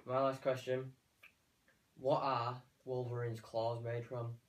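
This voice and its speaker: A man's voice: mid-range voice, flat delivery, takes it slowly, distant mic. A British teenage man chatting casually through a quiz on a sofa indoors. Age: teens. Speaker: challenge participant. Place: living room sofa, indoors. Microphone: camera a short distance away.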